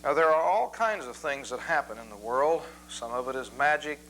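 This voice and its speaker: A man teaching a Bible lesson in a measured, methodical way, reading scripture passages aloud. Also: medium pitch, lively intonation, a bit bright, slight background noise, rough recording.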